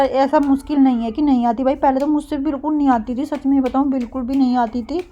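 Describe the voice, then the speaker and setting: A young woman narrating a casual home cooking vlog, speaking softly and getting a bit breathless when she pushes her voice. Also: sits high, muffled recording. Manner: soft-spoken, gets breathless when speaking loudly. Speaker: vlogger.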